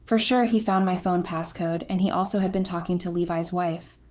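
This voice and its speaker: A woman with a somewhat low voice tells a confessional story in the first person. Her reading is scripted, steady and even, with a flat, composed delivery from start to finish. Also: brisk.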